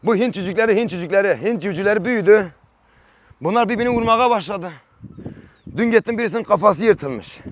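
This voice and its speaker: A man filming a casual farm vlog, barking short sharp commands at a dog and grumbling bluntly between them, outdoors on a farm. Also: high-pitched, lively intonation, fast, slight background noise. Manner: blunt, grumbling colloquial talk. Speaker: dog trainer and farm vlogger.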